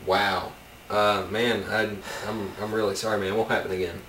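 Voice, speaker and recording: Slangy, griping gamer dude in an echoey room. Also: male voice, on the low side, flat delivery, normal speed, a bit bright. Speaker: guest gamer in a comedy review skit. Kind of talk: casual gamer chat in a skit. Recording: distant mic, echoey room, faint noise.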